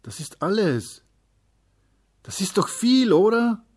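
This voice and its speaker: A man voicing a small, innocent young day who talks in an excited, breathless way and stammers. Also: high voice, takes it slowly, voice pushed up. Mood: eager, breathless.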